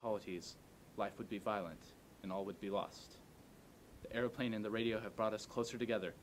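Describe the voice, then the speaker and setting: A man giving an earnest recitation of a speech with measured, declamatory phrasing. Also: steady tone. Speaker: amateur performer. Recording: faint noise and low rumble.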